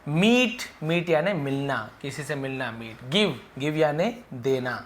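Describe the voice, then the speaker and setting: A man teaching English vocabulary to Hindi speakers, calling out each word loudly and then explaining its meaning more quietly and patiently, with repetition. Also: on the high side, expressive, a little slow, slight background noise. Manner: patient, repeats the meaning several times.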